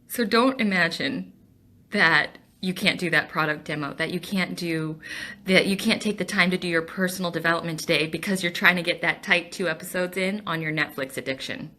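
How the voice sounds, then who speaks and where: A woman's voice: fairly low pitch, fairly quick, sharp tone. A young woman giving an emotional motivational talk to a sales team, firing off rhetorical questions and getting tearful. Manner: passionate, rhetorical questions, laughs and sighs.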